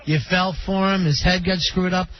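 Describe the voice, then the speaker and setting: A man's voice: high voice, fairly even intonation, moderate pace, slight background noise. A man hosting a call-in radio show, chatty and opinionated, taking callers on the line. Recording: dull lo-fi radio broadcast.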